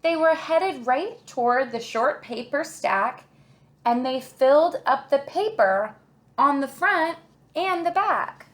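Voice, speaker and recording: Like a kindergarten teacher at story time, a woman reads a picture book aloud with expressive, deliberate delivery. Her voice sits high.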